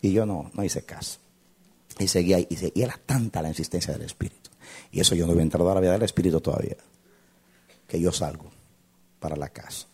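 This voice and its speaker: A male pastor telling a story in a sermon, dramatic, swinging from shouts to hushed tones. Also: low voice, fast, pauses often, husky.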